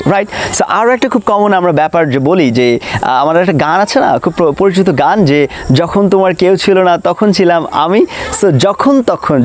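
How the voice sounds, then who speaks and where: A man teaching an online English grammar lesson, mixing English into Bengali and drilling example sentences slowly. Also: sits high, a little hiss or hum.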